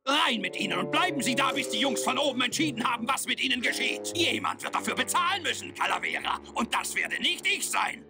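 A man's voice: very high voice, sing-song, brisk, gravelly, few pauses, full character voice. A man voicing an irate, blustering skeleton boss who barks indignantly in a dubbed video game. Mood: scolding, indignant. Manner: barking, blustering. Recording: game audio with music behind.

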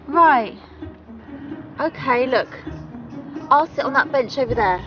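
A woman's voice: high voice, lively intonation, takes it slowly, highs cut off, faint music behind. An exasperated young woman on a date. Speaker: actor in a learning drama. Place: outdoors in a park by a lake.

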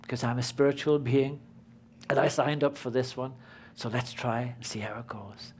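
A British man voicing a newborn baby's inner thoughts in a gentle, musing way. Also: mid-range voice, fairly even intonation, normal speed, a little hiss or hum, close to an everyday voice. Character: wondering newborn baby deciding to try life.

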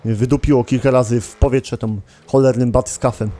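A man's voice: mid-range voice, fairly even intonation, brisk, mellow. Swearing gamer man talking to viewers. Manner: chatty, swears often, addresses viewers. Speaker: gaming channel host. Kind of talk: casual gameplay commentary.

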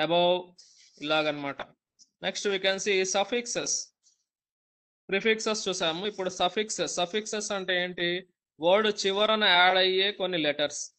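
A male English teacher, giving a lecture on word stress, saying example words loudly and slowly, then explaining them briskly. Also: sits high.

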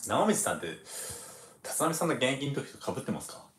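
A man who is a former baseball pitcher hosts a relaxed livestream, chatting casually, reading viewer comments and laughing often. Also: brisk, roomy sound, a little hiss or hum.

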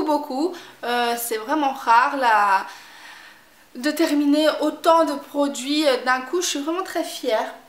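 A woman chatting casually about makeup she has used up, repeating herself and filling pauses often. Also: high-pitched, fairly bright tone, reverberant. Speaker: beauty vlogger. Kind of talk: casual product review chat.

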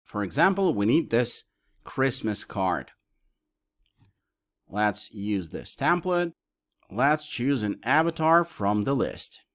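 A man talks through a screen-recorded software tutorial. His delivery rises and falls a great deal, and his voice sits in a middling range. He lists each option in turn as he demonstrates. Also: medium pitch, very animated, takes it slowly, pauses often. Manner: lists options step by step, explaining as he clicks.

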